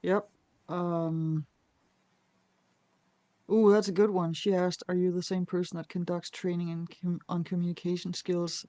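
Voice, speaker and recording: Brief: Danish woman facilitator on a video call, unhurried and reflective, dry close sound. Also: fairly low pitch, no echo. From Denmark. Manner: relaxed, reflective storytelling with frequent fillers. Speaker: meeting facilitator. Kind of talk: online group discussion.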